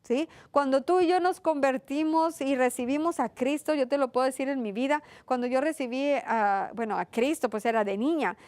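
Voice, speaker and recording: A woman's voice: high voice, normal speed, few pauses, a little mellow, no echo. A woman preaching a sermon in an earnest, repetitive way, asking questions and answering them herself.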